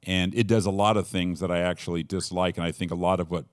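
A man's voice: sits low, steady tone, quick pace, clean tone, no room sound, clean studio sound. A man hosting a casual discussion, rambling and often restarting his sentences as he thinks aloud. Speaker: podcast host.

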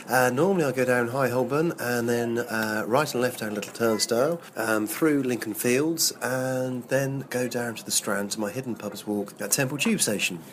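A man's voice: medium pitch, moderate pace, hardly any pauses, slight background noise. A man working as a walking tour guide, chatting enthusiastically as he walks outdoors through the city and describes the sights around him. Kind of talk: on-location podcast narration. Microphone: handheld recorder on location.

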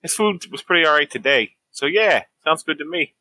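Crude, blunt fantasy bodyguard, played by a man, sharp forceful voice, swears freely, close and dry. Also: a little high, animated, fairly quick, no room sound, voice pushed up, heavily acted. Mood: casual, grudging. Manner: foul-mouthed, slangy, blunt.

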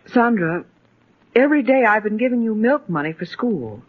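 A woman's voice: on the high side, very animated, moderate pace. An actress playing an anxious, earnest stepmother in a 1940s radio drama, on a tinny old recording. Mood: stern. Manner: earnest, pleading.

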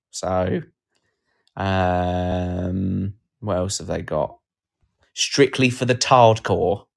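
A man's voice: low-pitched, creaky. A man hosting a live podcast, chatting casually and jokily, reading out comments from listeners. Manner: rambling, jokey, reads out chat comments. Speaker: podcast host.

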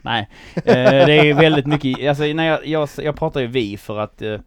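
A man's voice: fairly high pitch, crowd noise. A man with a Skåne accent, a musician guest in casual chat, hesitant and full of fillers.

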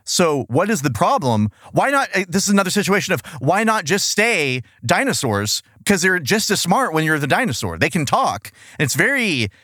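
Animated, exasperated man in casual review chat. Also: sits high, moderate pace, few pauses, dry recording, studio quality. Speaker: podcast co-host.

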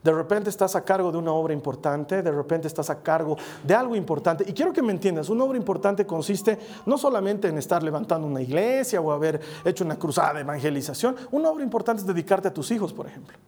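A man's voice: high voice, expressive, quick pace, few pauses, a little mellow. A man preaching a sermon in a conversational way, checking in with his listeners and adding touches of humor.

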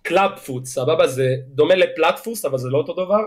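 A young man in casual podcast chat, swearing often and telling a personal story with animated energy. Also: fairly high pitch, a little hiss or hum. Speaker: podcast guest streamer.

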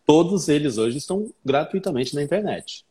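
A man's voice: on the high side, lively intonation, moderate pace, warm tone, breathy edge. A man from Brazil, an English teacher, chatting as an interview guest and acting out his own past thoughts as he tells stories. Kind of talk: casual interview chat.

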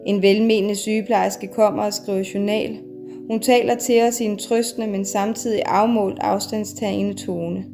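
A woman, a mother, reading her own first-person story aloud in a measured, heavy way. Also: mid-range voice, steady tone, creaky. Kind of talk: scripted first-person narration. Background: soft guitar music.

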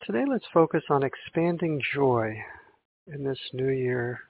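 A man guides a meditation in the unhurried, soothing manner of a sleep story narrator. His mid-pitched voice is gravelly and a little raspy, with long pauses between phrases. The recording is narrow and phone-like. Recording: muffled, phone-like narrow sound.

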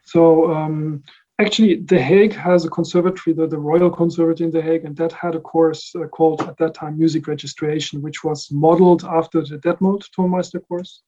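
A man's voice: a little high, fairly even intonation, brisk, mellow, muffled recording. A man who grew up in the Netherlands, answering interview questions about his work in a casual, thoughtful way with frequent fillers and restarts. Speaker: recording engineer guest.

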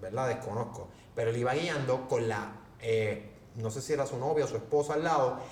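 A man with a Puerto Rican accent hosting a casual podcast, telling stories with lively quoted voices. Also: medium pitch, fairly quick, far from the mic. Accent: Puerto Rican Spanish. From Puerto Rico. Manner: animated storytelling, acts out quotes in raised voice. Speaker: podcast host. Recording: echoey room, faint background noise.

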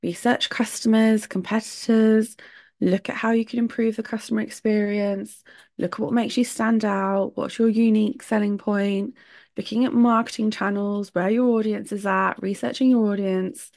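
A podcast host with a sore throat talks alone on her show at a moderate pace, her medium-pitched voice a little mellow with fairly even intonation. She's chatty and opinionated and laughs between points. The recording is dry and studio quality.

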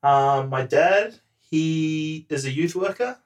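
A young New Zealander, appearing as a guest on a casual podcast, talks in a relaxed, hesitant way packed with ums, laughing easily. His pitch is fairly high and he takes things slowly.

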